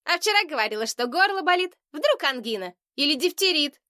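A woman's voice: high-pitched, very animated, fairly quick, bright, forceful tone, dry recording, clean studio sound, voice pushed up, heavily acted. A woman doing a cheeky teasing boy. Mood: mocking. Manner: mocking, sing-song rhymes.

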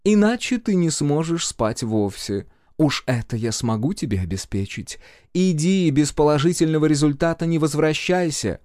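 A man's voice: fairly high pitch, expressive, normal speed, darkish tone, dry recording, studio quality, pitched above the performer's own voice, natural voice. A male audiobook reader voicing a haughty female goddess of dreams who speaks with contempt and sarcasm. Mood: angry. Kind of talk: audiobook character voice.

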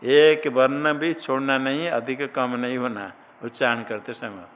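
Slow, bright-voiced man teaching Sanskrit grammar. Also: medium pitch, steady tone, a little hiss or hum. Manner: slow, drilling questions and answers, correcting pronunciation. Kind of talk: classroom grammar lesson. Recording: reverberant room with faint ambience.

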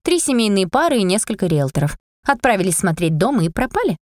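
A woman's voice: mid-range voice, fast talker, no room sound. Woman reading a fantasy audiobook. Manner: lively, expressive reading. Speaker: audiobook reader. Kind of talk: first-person fantasy audiobook narration.

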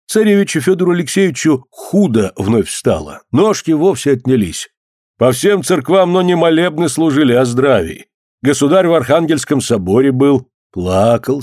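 A sly, greedy old village priest, voiced by a man, all oily piety and sermonizing. The voice rides up and down with lively swings. It is recorded dry and close. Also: fairly high pitch, no echo. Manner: unctuous, pious, sermonizing.

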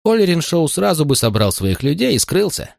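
A man's voice: a little high, fairly quick, vocal fry, no room sound, studio quality, pitched above the performer's own voice. A man voicing a firm frontier sheriff. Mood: firm steady. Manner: firm, calming.

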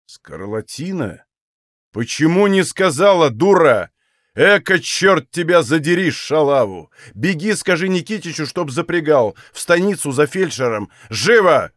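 A man's voice: lowish voice, big pitch swings, breathy edge, no room sound, clean studio sound, pitched below the performer's own voice, heavily acted. A man doing a bellowing irritable old landowner. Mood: furious shouting. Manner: shouting, slow heavy bursts.

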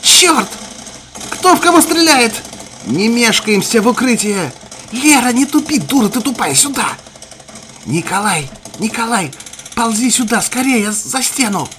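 A man plays a squad leader under fire in an audio story. He barks orders at the top of his voice, high and strained. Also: animated, a little slow, a little hiss or hum, full character voice. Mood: shouting orders. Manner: barking orders at a shout.

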